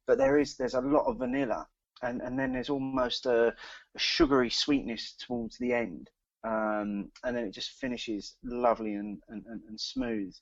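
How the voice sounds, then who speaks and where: Co-hosting a beer podcast, a man chats enthusiastically while tasting, often repeating words. His mid-range voice has vocal fry, and the audio sounds dull.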